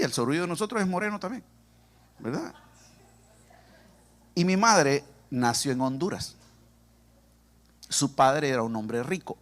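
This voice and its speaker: A man from El Salvador with a Salvadoran accent, a pastor preaching and telling his own story to the congregation with humor. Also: mid-range voice. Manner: humorous, animated, addresses the congregation directly. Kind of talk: sermon with personal testimony. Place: church sanctuary.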